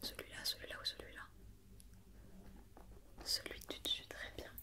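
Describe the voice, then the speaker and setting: Speaking at a normal speed, a woman plays a doctor in a whispered ASMR roleplay. She patiently and softly goes over questions and comforting words again and again.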